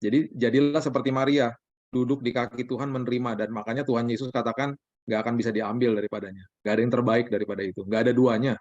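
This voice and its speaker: A man, a pastor, preaching in a relaxed, conversational way over a video call. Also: mid-range voice, quick pace, no echo. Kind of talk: sermon-style sharing over video call. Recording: dull lo-fi video call audio.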